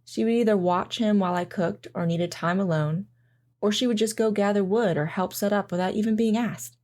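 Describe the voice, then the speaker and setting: A woman voices a loving, wistful mother remembering camping trips with her daughter in an audio drama, delivering both narration and dialogue. Her mid-range voice is steady and darkish in tone, a little fast, and only lightly acted. She sounds reflective and sentimental, tender and wistful throughout.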